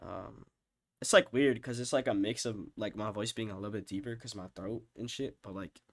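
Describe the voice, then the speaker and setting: A congested young producer goes through a ranking of his own tracks on a screen share, talking at normal speed in a fairly low, nasal voice with vocal fry. He rambles loosely, swearing and using lots of fillers, frequently trailing off into quiet.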